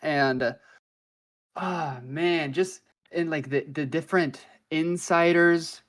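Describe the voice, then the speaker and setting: A man's voice: fairly high pitch, slow pace. A man guest on a podcast, telling long rambling stories in casual slangy chat, full of fillers.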